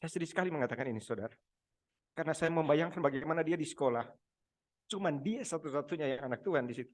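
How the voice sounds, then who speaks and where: Older guy preaching over a video call, fairly high voice, animated storyteller. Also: fast talker. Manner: animated storytelling, acting out dialogue. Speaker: pastor. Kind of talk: sermon.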